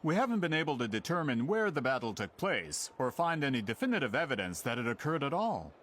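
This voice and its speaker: Playing a confident, slightly impatient video game author who pushes hard to get his story, this actor uses a mid-range voice that is very animated, quick and fairly bright.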